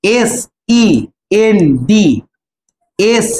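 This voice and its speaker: In an echoey room with faint ambience and slight background noise, a woman with a somewhat high, darkish voice teaches English grammar in Bengali. Her delivery is flat with drawn-out words as she spells verb forms letter by letter and checks understanding by asking her students questions.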